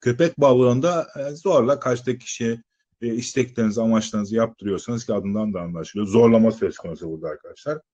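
A man lecturing exam candidates in a slightly husky voice. He talks in a loose, conversational way, firing rhetorical questions at the class and stretching out filler sounds while he thinks. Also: mid-range voice, fast, mellow, lo-fi sound. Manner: asks students rhetorical questions, many "e" fillers. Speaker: exam-prep teacher. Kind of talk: live lecture to students.

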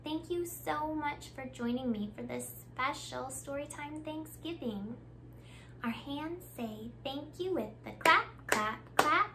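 A woman in her thirties with a high voice reads a children's picture book aloud at a slow pace, over a noisy background. She's a library storytime host speaking expressively to young listeners a few feet from the camera, in a small living room by a window.

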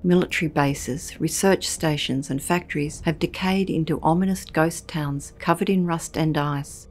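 Low-voiced woman narrating eerie tales. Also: darkish tone. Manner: measured, ominous storytelling. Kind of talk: scripted documentary narration.

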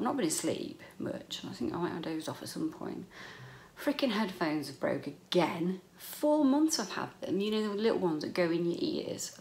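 Lower-voiced British woman chatting, echoey room. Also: creaky, darkish tone, a little hiss or hum. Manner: rambling, playful, mildly sweary. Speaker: vlogger. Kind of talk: casual chatty vlog to camera. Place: small echoey bedroom at home, indoors. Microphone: handheld camera at arm's length.

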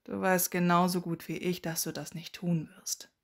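A cool, sardonic middle-aged wizard, as a woman reads him in an audiobook. He speaks calmly and drily in a low, husky voice, mocking without raising it. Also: moderate pace. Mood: calm, dry. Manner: calm, dry, mocking.

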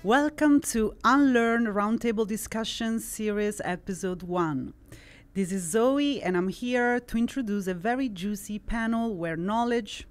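A middle-aged woman from central Italy with an Italian accent, hosting a studio podcast and reading a measured, scripted introduction into a boom mic. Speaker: host. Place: studio with wood-slat wall. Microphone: boom-arm studio mic.

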